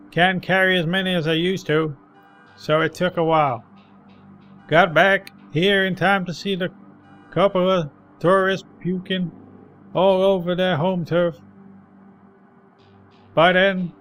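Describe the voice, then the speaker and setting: Man acting old street survivor, game character, raised pitch, blunt, suspicious, irritable, slangy. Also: a bit bright. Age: older. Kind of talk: video game character read aloud.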